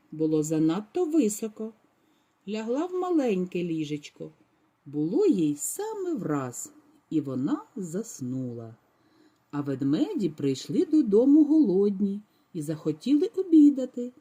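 A woman teacher tells a story to young children with lively, swooping intonation. Her voice is mellow and a little breathy. Afterwards she quizzes the class on what they heard. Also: lowish voice. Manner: expressive, dramatic reading. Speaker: kindergarten teacher.

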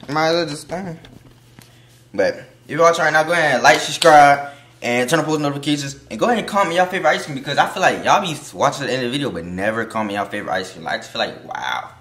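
A young adult male vlogger chats casually to his phone camera outdoors, rambling along in slangy, encouraging talk. His voice is mid-range and a bit bright.

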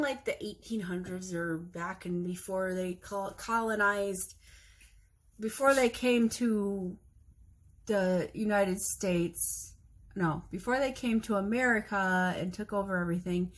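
A vlogger in her thirties with a Wisconsin accent and a medium-pitched, slightly bright voice chats casually to camera in her home kitchen. She rambles, searches for words, and corrects herself, recorded by a phone camera across the table.

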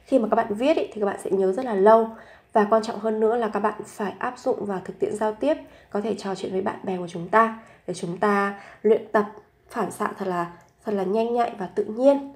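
A woman's voice: mid-range voice, darkish tone. Woman teaching a patient language lesson. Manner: explains patiently, then repeats example sentences slowly.

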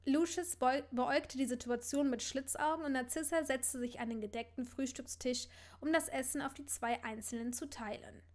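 Fan fiction reader, woman, high-pitched, casual reading with small slips. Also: normal speed, hardly any pauses, a little mellow. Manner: casual, stumbles and comments on the text.

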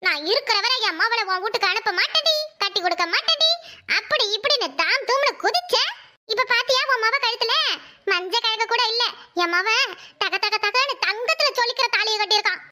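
A woman voicing a bossy, scheming middle-aged female in-law in a cartoon, with a shrill, taunting voice and a Kanyakumari Tamil accent. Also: lively intonation, a little fast, bright, forceful tone, full character voice.

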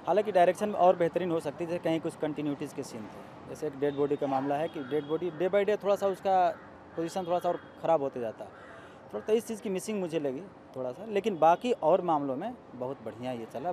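A man giving a measured, explanatory review of a film in a street interview. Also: fairly high pitch, dark tone. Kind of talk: street vox-pop interview. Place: outdoors on a city street. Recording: faint street noise outdoors.

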